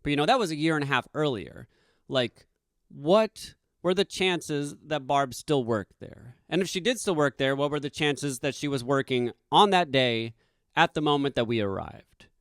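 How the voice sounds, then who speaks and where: A man from Boston telling a self-deprecating personal story as a podcast host, animated and emphatic. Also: a little high, moderate pace, dry recording, clean studio sound.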